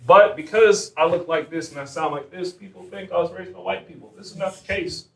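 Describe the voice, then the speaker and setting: A man's voice: high-pitched, a little fast, gravelly. A young man performing a stand-up comedy set, loose and chatty with lots of asides. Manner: loose, conversational delivery with frequent asides. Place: live club stage with audience. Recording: roomy live venue, mic heard from a distance, crowd laughter.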